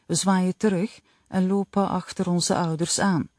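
A woman narrating an audiobook in the first person with a slow, even reading. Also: on the low side, no echo, clean studio sound.

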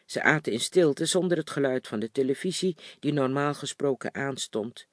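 A man calmly reading a novel chapter aloud in a measured audiobook style. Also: medium pitch, no room sound, studio quality. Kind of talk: audiobook narration.

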